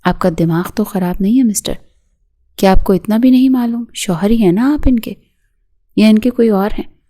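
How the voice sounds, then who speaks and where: A woman's voice: medium pitch, fairly even intonation, mellow, close to an everyday voice. A woman voicing a sarcastic, reproachful female hospital doctor.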